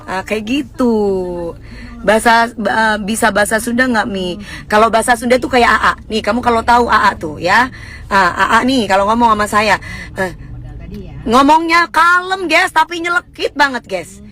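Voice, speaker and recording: A woman's voice: on the high side, fairly bright tone. Fiery East Javanese woman chatting live. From East Java, Indonesia. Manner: emphatic, fiery and fast, self-described as fervent. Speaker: livestream host answering viewers. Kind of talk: casual livestream chat.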